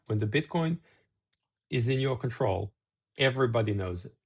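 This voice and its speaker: Speaking at a normal pace with an animated delivery, this middle-aged man from Serbia hosts a casual video addressed to the camera. His medium-pitched voice is slightly rough, and he rambles, restarting and adding asides.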